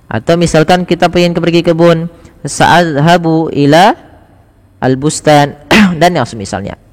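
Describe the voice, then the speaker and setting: A man giving a casual spoken language lesson, saying phrases slowly and clearly, then explaining them in an easy, chatty way. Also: on the high side, in a large hall. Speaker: Arabic teacher.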